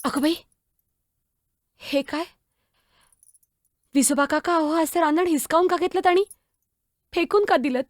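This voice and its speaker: High, blunt young girl saint, devoted to her brothers, played by a woman in a solo stage drama; dry sound, faint music behind. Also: unhurried, pauses often, dry recording. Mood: indignant. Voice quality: blunt, sharp-tongued. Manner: pleading and expressive, speaks to unseen people.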